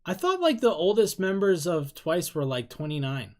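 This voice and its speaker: A man's voice: fairly high pitch, sing-song, normal speed. A man in his thirties chatting casually through a reaction video, rambling and self-deprecating, breaking into laughs. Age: 30s. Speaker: K-pop reaction YouTuber.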